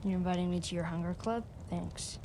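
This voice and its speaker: An actress playing a wary, sharp-tongued teenage girl, blunt and sarcastic, in a TV drama scene. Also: lowish voice, fairly even intonation, fairly quick, a little hiss or hum, natural voice. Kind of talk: TV drama acting.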